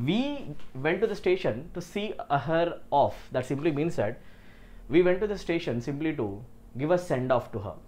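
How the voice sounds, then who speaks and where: A man with an Indian English accent talks through exam questions for his students. His voice sits a little high and swings widely in pitch. He drags out English phrases to stress them, then speeds through the explanation, keeps asking "okay?", and mixes Telugu with English. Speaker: English teacher.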